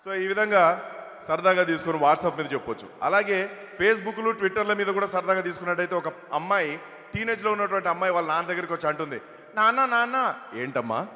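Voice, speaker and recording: A mimicry artist on stage telling jokes in a chatty way, through a microphone in a large hall. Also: male voice, high voice, fast talker, bright, forceful tone. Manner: chatty, jokey setups. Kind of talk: stand-up comedy on stage. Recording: long hall reverb over PA.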